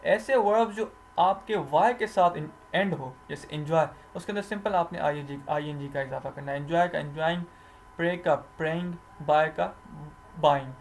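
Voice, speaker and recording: A man teaching English grammar, explaining slowly, repeating rules and answering his own questions. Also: a little high, creaky, a little hiss or hum. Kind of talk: recorded grammar lecture.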